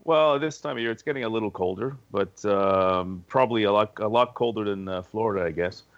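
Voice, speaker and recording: A man's voice: fairly low pitch, fairly quick, dry recording, muffled recording. A man casually recounting experiences as an interview guest, understated and a little hesitant. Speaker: interview guest, paranormal investigator.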